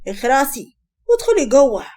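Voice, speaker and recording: A woman's voice: sits high, sing-song, normal speed, dark tone. A woman with an Egyptian accent voicing a proud, middle-aged mother who scolds sharply. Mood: scolding.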